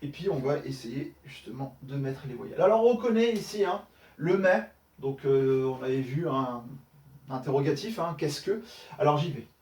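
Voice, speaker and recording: A man's voice: medium pitch, lively intonation, moderate pace, a little mellow, distant mic. A man teaching Arabic grammar in French, correcting exercises step by step, with many fillers and frequent checks for understanding. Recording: echoey room, voice somewhat off-mic.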